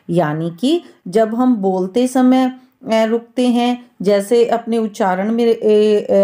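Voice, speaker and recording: Slow, patient woman teaching grammar. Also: medium pitch, warm tone. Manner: slow, patient explaining with fillers. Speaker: Hindi teacher. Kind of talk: classroom grammar lesson.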